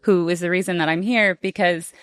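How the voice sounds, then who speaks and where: A woman speaks as a guest on a podcast taped before a small audience. Her voice sits a little low and sounds smooth and resonant. She talks in an earnest, reflective way, and the sound is dry and close. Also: fairly even intonation, fairly bright tone, no room sound. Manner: earnest, reflective, slow to find words. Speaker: guest performer. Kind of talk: podcast interview.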